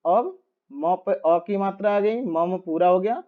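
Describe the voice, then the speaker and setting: A man's voice: high-pitched, slow pace, phone-quality sound. A man teaching a grammar lesson, patiently repeating each step and asking rhetorical questions as he writes on a board.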